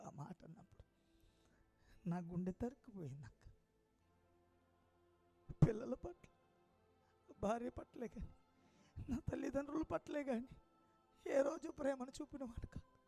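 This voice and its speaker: High-voiced man giving emotional testimony. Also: a little slow, pauses often, soft background music. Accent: Telugu. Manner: swings from loud impassioned cries to hushed low tones.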